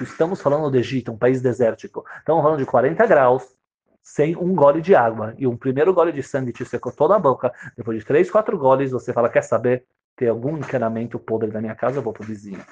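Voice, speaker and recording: Animated, fast-talking rabbi. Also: male voice, mid-range voice, husky, lo-fi sound. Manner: animated, theatrical, reads Hebrew verses then explains. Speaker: rabbi teaching Torah. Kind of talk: Torah lesson with dramatized storytelling.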